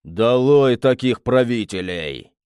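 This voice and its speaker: Burly bearded smith, furious and scornful, loud and heavy as a male narrator puts him on. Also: mid-range voice, very animated, no echo, clean studio sound. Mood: angry. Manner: angry, slow, loud.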